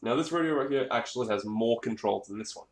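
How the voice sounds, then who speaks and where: A fast-talking man with a medium-pitched voice shows off gear in a loose, rambling hobbyist demonstration, swearing now and then. Echo, clear background noise and clicks fill the recording.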